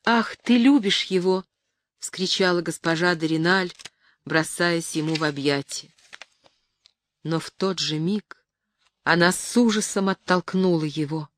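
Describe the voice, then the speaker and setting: A woman narrating a classic novel as an audiobook in an expressive, theatrical way. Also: low-pitched, unhurried, pauses often. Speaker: audiobook reader.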